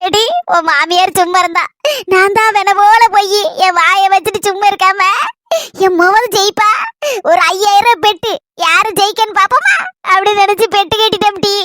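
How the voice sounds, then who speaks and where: A woman's voice: very high-pitched, steady tone, normal speed, sharp tone, slight background noise. A woman voicing a stubborn, scheming old village mother who confesses sheepishly, speaking with a Kanyakumari Tamil accent. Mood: confessing.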